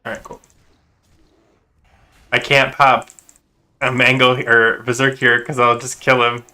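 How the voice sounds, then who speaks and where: A man giving live commentary while playing a game, venting his irritation at teammates and trying to calm himself down. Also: mid-range voice, a little slow. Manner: exasperated, venting, then calming himself down. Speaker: gamer.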